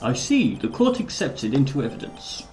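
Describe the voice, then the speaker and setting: A man voicing a stern older male judge in a courtroom game, asking formal, measured questions. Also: medium pitch, very animated, a little mellow, slight background noise, lightly acted.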